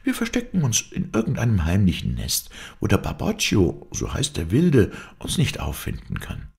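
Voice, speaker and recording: A man's voice: fairly low pitch, wildly swooping pitch, normal speed, vocal fry, a little mellow, pitched above the performer's own voice, heavily acted. A man voicing a spirited young woman circus rider in an audiobook, talking in an urgent, playful rush. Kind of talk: audiobook character voice.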